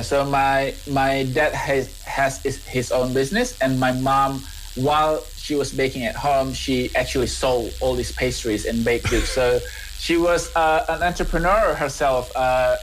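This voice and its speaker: This man in his thirties, a scientist who also owns a business, speaks with an Indonesian accent in an unhurried, fairly even mid-range voice, earnestly answering interview questions while often restarting words. Poor audio adds a bit of hiss or hum.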